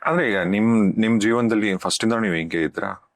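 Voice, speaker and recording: A man's voice: lowish voice, a little fast, dry recording, clean studio sound. A man hosting a podcast interview who asks probing follow-up questions. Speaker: podcast host.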